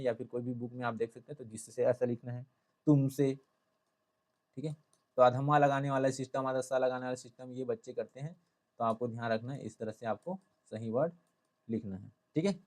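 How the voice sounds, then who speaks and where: A man's voice: mid-range voice, steady tone, fairly quick, a little mellow. Hindi teacher man, patient explainer. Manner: explanatory, repeats "theek hai" often. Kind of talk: classroom-style lesson.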